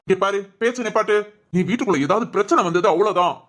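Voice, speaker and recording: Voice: mid-range voice, fast, a bit bright, close to an everyday voice. A voice actor playing a stern young husband in a cartoon who sides with his mother, lecturing and commanding, with Tamil village speech. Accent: Tamil Nadu village speech.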